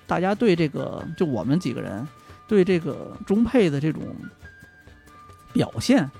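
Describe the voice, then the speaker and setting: A man in casual gaming chat who gets excitable, swears freely and steers the discussion. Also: fairly high pitch, moderate pace, creaky, soft background music.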